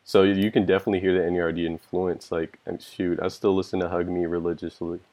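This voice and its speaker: Super deep monotone dude, loose chatty guest, swears a bit. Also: male voice, fast. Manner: loose, enthusiastic, swears casually, many likes and you knows. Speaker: podcast guest. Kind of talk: casual music chat.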